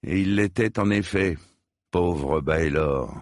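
A man reading a fantasy novel aloud in measured, grave storybook narration. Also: low voice, dry recording, studio quality. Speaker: audiobook narrator.

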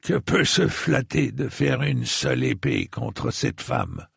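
A man reading a story and voicing a proud, indignant old knight with high, shrill outbursts. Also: big pitch swings, slow pace, gravelly, fairly bright tone, breathy edge, dry recording, studio quality, exaggerated voice. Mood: bitter.

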